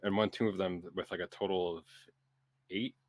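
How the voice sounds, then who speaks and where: A man co-hosting a podcast, asking questions haltingly with fillers. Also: sits low, fairly even intonation, dry recording. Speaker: podcast co-host. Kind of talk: casual interview.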